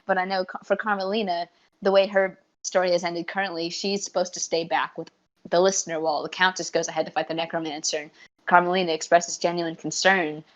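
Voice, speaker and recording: A woman's voice: fairly low pitch, flat delivery, fairly quick, lo-fi sound. A woman co-hosting a podcast in casual chat, eager and rambling, often restarting her sentences. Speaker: podcast co-host.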